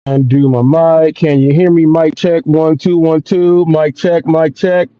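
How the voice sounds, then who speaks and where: A man's voice: fairly high pitch, flat delivery, unhurried, mellow, dry recording. A man hosting a live stream, doing mic checks over a glitchy connection that makes his voice sound robotic and frozen. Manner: repeats mic checks, calls off-screen helper. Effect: glitchy robotic call audio. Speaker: livestream host. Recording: dull lo-fi call line, dry.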